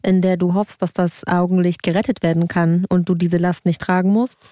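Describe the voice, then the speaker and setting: A woman's voice: lowish voice, level tone, a little fast, mellow, dry recording. A woman chatting casually, putting in dry, teasing remarks. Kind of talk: casual chat.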